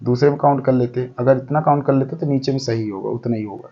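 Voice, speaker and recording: A man's voice: mid-range voice, fast, muffled recording. A man teaching a lesson step by step, counting aloud and often checking that the class follows. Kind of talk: explaining a lesson.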